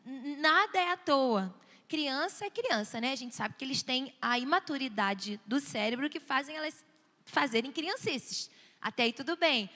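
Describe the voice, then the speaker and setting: A woman in her thirties with a Brazilian Portuguese accent gives an earnest, conversational talk in a church and keeps checking in with her listeners. Her voice sits high and rings bright. A long reverberant tail from the hall follows her words. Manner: earnest, conversational, often asks "né?". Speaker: church speaker on child anxiety.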